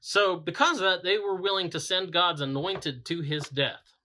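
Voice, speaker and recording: A man with a very bright, fairly high voice gives an informal Bible reading and commentary. He talks in a loose, conversational way, stumbling and restarting as he goes. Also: normal speed, a little hiss or hum. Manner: conversational, with frequent restarts and self-corrections. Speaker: campus minister.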